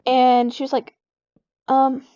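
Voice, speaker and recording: A woman's voice: high-pitched, monotone, slow pace, dark tone, clean tone, dry recording. A teenage girl chatting casually while gaming, rambling through a story with lots of fillers and quoted back-and-forth. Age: teens. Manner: rambling, filler-heavy retelling of school drama. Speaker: gaming vlogger. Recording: dull, dry home recording.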